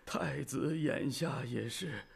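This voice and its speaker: A man's voice: medium pitch, slow, heavily acted. A man playing a dying, loyal old general in a historical drama, pleading humbly with his emperor in a weak voice that slips into whispers. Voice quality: husky, weak, breaking into whispers. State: frail and dying.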